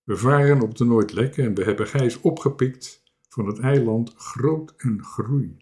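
A man's voice: mid-range voice, unhurried, a little mellow, close to an everyday voice. A man voicing a self-assured small boy captain. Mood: firm.

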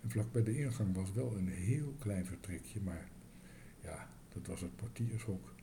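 A man reading a children's story aloud in a lively, expressive way. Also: sits low, measured pace, creaky, noisy background.

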